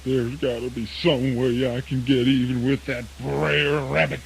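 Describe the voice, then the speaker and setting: A man's voice: medium pitch, flat delivery, unhurried, vocal fry, slight background noise, rough recording. An actor playing a vengeful male fox in a children's radio play, muttering in folksy talk. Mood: grudging, scheming. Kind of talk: children's radio theatre dramatization.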